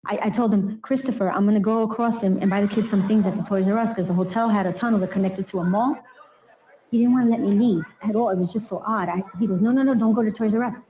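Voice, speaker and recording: A woman's voice: medium pitch, steady tone, quick pace, warm tone, a little hiss or hum, low-quality recording. A woman recalling her late brother in a documentary interview, telling the story by acting out the dialogue. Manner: storytelling, acts out quoted dialogue. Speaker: interviewee, late rapper's sister.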